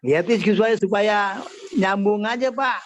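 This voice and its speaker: A man's voice: high voice, normal speed, a little hiss or hum. A man teaching an Arabic class over a video call, patiently quizzing his students by name. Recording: muffled video-call audio.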